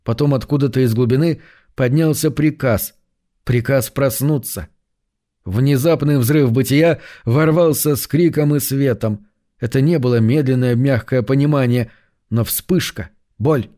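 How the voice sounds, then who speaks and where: A man narrating a science fiction audiobook in an even, measured way. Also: medium pitch.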